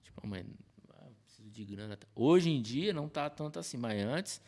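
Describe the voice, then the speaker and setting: A man, telling his story as a podcast guest in a relaxed, slangy way, recorded on a desk mic in a small studio. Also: medium pitch, fairly quick. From Campinas, Brazil. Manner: relaxed slangy storytelling, many fillers and self-corrections. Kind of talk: casual storytelling interview. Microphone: desk mic on stand.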